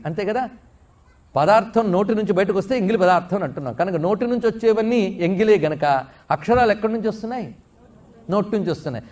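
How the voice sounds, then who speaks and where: A middle-aged man giving a religious discourse, explaining through questions he answers himself and slowly chanting Sanskrit verses. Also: high voice, darkish tone. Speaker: spiritual discourse speaker.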